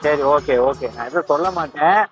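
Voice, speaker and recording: A father on a phone call, gently coaxing and reassuring his young daughter and often asking whether she agrees. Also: fairly high pitch, fairly quick, over loud music.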